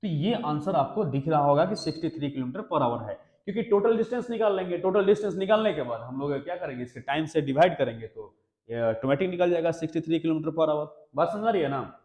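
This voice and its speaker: Fast-talking and a little high, this male maths teacher has lively intonation and a slightly mellow sound. His exam-prep lesson moves step by step, punctuated by frequent questions to the class, recorded in an echoey space.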